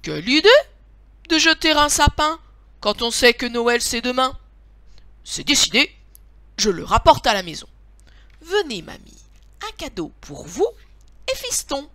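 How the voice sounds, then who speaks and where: A woman's voice: high-pitched, very animated, unhurried, pauses often, pushed and bright, no echo, voice pushed up, full character voice. A woman voicing a sleepy, good-natured father bear in a storybook. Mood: cheerful. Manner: drowsy yet cheerful.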